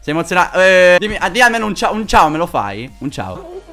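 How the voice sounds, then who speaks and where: A man's voice: high voice, sing-song, fairly quick, over music. A young Italian man chatting with fans on webcam in a playful, teasing way. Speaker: YouTuber. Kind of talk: joking webcam chat with fans.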